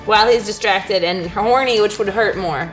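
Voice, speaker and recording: Woman game player, medium register, casual banter, echoey room with clear music. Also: medium pitch, moderate pace.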